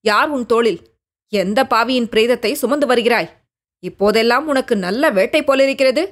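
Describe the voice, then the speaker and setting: A stern older Buddhist monk, questioning sharply, as a woman narrator acts him out. The voice stays a touch high for a man. It is a storybook reading. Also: moderate pace, lightly acted.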